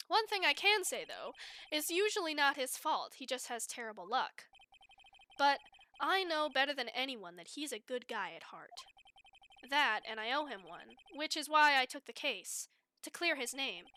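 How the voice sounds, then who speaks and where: A woman's voice: sits high, pushed and bright, a little hiss or hum. A woman voicing a nervous young male defense lawyer in a game playthrough, stammering and hesitant.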